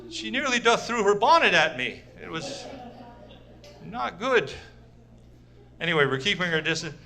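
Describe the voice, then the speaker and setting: A man's voice: high-pitched, sing-song, normal speed, creaky, pushed and bright. A man doing a stand-up comedy set for a small audience, rambling and cutting himself off often. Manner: rambling, self-interrupting, restarts often. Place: small live audience venue.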